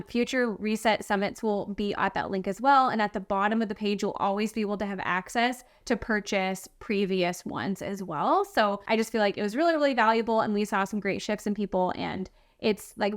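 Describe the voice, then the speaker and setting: A woman in her thirties co-hosts a podcast in a loose, chatty way, full of "like" and "um" and quick laughs. Her voice is smooth and clean, sitting at a middle pitch. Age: 30s. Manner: chatty, filler-heavy, laughs often. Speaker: podcast co-host. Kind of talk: casual podcast chat.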